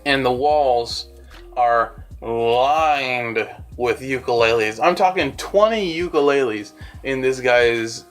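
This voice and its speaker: A young man telling a rambling, self-deprecating story in a casual storytime vlog, with faint music behind him. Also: medium pitch. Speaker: animator and storyteller.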